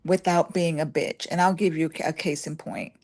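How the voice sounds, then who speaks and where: A woman's voice: low-pitched, fairly even intonation, moderate pace, darkish tone. A woman co-hosting a casual chat, explaining her point with everyday examples.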